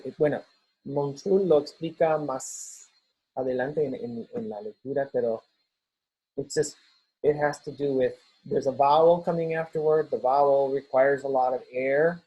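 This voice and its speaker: Male instructor, husky, mellow tone, unhurried recorded lecture. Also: medium pitch, rough recording. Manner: slow, explanatory, switching between English and Spanish, frequent fillers. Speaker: university instructor.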